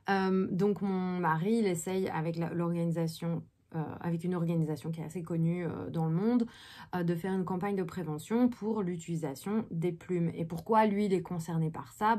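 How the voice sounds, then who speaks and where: A woman's voice: on the low side, mellow. A woman in her thirties from Belgium, an actress chatting casually about her day in a vlog, with many fillers. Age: 30s. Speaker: actress vlogger.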